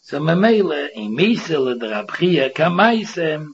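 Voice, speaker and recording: A man's voice: on the high side, very animated, measured pace, vocal fry, husky. A man with a Yiddish-inflected accent giving an informal Talmud lesson, reading and explaining in a sing-song, repetitive way with rhetorical questions. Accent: Yiddish-inflected English. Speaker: religious teacher giving a Talmud class. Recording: dull, muffled lo-fi recording.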